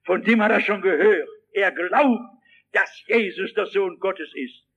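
A man preaching a sermon, addressing his listeners directly and telling a story in which he acts out the shouting voices. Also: high-pitched, measured pace, lo-fi sound, a little hiss or hum.

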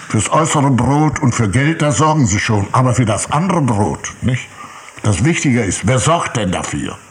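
Older male preacher, animated storyteller who plays out quoted voices in his sermon. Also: medium pitch, moderate pace. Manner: lively storytelling, acts out quoted voices, frequent tag "nicht?". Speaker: pastor. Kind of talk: sermon with personal anecdotes.

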